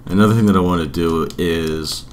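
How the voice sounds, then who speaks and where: Low-voiced young man, casual gamer talk. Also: normal speed, slight background noise. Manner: rambling, informal. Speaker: video creator. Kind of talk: casual game build commentary.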